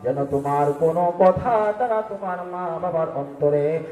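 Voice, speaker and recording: Man, chanted sermon, high voice, roomy echo. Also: normal speed. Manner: sing-song chanting, rising to loud calls. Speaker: preacher. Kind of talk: chanted Bengali waz sermon. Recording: echoey, distant mic, faint music.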